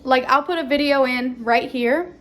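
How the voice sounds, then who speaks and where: A young woman talks casually to her phone camera at home, rambling from one family story to the next. Her voice sits a little high, and a faint hum of the house is heard behind her. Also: normal speed, fairly bright tone. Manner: chatty, rambling, southern-tinged "y'all". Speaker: family vlogger. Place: at home indoors.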